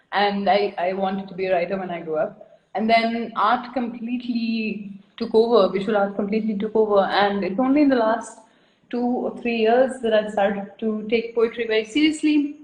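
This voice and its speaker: Her voice sits fairly high with a slightly mellow quality; she's an Indian woman in her thirties appearing as a guest artist on a video call. Recorded in an echoey room, she chats candidly and at length in a relaxed interview, often breaking into laughter.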